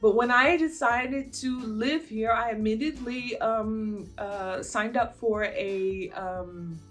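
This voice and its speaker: Answering viewer questions in a casual Q&A monologue, an American vlogger in her fifties speaks slowly in a fairly high voice. She chats and meanders, using frequent fillers, while soft music plays faintly beneath her.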